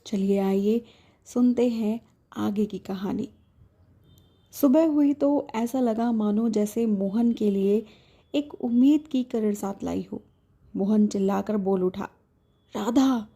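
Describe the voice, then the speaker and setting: A woman narrating a serialized romance story in a gentle, measured way. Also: medium pitch, slightly rough.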